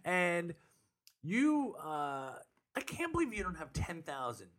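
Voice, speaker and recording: A man's voice: sits high, big pitch swings, slow pace, a bit bright. A man co-hosting a casual comedy podcast from his apartment, joking and laughing often as he reads out tweets. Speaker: podcast co-host. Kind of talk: casual chat.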